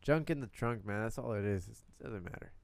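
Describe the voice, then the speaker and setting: Quick and creaky, with a fairly low pitch and no echo, a young man from Puerto Rico co-hosts a podcast. He tells casual stories full of swearing and blunt talk, animating his retellings with quoted asides.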